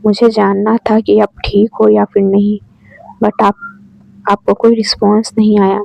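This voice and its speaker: A woman voicing a hurt, quiet young woman. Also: mid-range voice, level tone, measured pace, vocal fry, dry recording, lo-fi sound. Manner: short, subdued replies.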